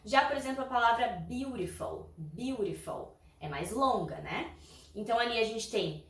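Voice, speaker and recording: A woman's voice: on the high side, expressive, distant mic. Woman teaching English in a roomy echo. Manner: explains slowly, often checks in with "tá?" and "ok?". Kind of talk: online English lesson. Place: indoor room, traffic heard outside. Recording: roomy sound from off the mic, faint background noise.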